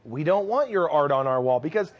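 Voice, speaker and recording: A man's voice: on the high side, lively intonation, a little fast, dull audio. A man co-hosting an entertainment news talk show, chatty, laughing and opinionated. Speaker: show co-host.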